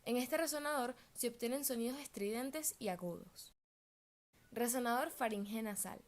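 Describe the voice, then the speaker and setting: A young woman, a music student, giving a steady, carefully read research presentation. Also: a little high, normal speed. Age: young adult.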